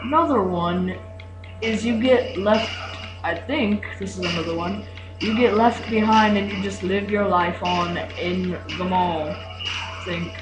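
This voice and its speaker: A teenage boy with a high-sitting voice chats casually at a measured pace while commentating on the game he's playing for a recorded playthrough. The room is echoey, and loud music plays in the background.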